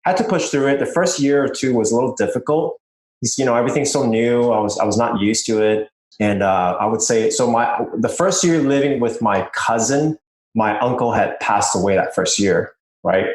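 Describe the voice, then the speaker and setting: Relaxed young man from Malaysia. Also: medium pitch, moderate pace. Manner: relaxed, frequent fillers and short laughs. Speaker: podcast guest, business owner. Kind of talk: casual interview. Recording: roomy echo.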